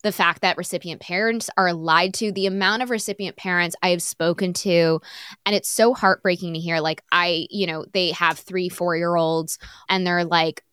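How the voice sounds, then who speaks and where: A woman's voice: lowish voice, steady tone, moderate pace, fairly bright tone, smooth, no echo. Fiery young woman guest, blunt and sarcastic, with a close, dry sound. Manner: outspoken and passionate, swears freely; sarcastic mocking impressions. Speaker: podcast guest. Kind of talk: candid conversational interview.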